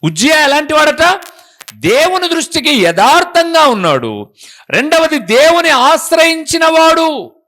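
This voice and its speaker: A man's voice: extremely high pitch, very animated, unhurried, pushed and bright. A man preaching a sermon as a pastor, pressing the congregation with repeated rhetorical questions.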